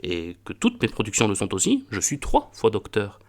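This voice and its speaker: Un homme prend la voix d'un docteur de farce vaniteux qui pérore et fait la leçon, en parlant plus haut et plus fort que dans sa lecture ordinaire. Sa voix est très mobile, elle grimpe et redescend avec emphase. C'est une lecture de théâtre comique, pleine d'une solennité pompeuse. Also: male voice, on the low side, huge pitch swings, normal speed, pitched below the performer's own voice, exaggerated voice. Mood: pompous. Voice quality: declaiming, lecturing, self-important. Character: pompous arrogant learned doctor, male, middle-aged. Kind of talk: reading a classic farce aloud.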